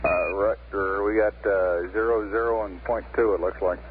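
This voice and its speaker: Tinny, halting mission control radio man. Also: lowish voice, fairly even intonation. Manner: hesitant, halting procedural phrasing. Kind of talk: astronaut radio procedure talk. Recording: tinny, noisy 1960s radio link.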